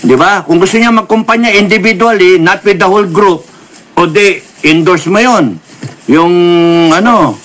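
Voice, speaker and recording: A Filipino man delivers political commentary in a lecturing style, slipping English phrases into his speech and apologizing repeatedly. His voice sits high and a bit bright, and he speaks at a moderate pace.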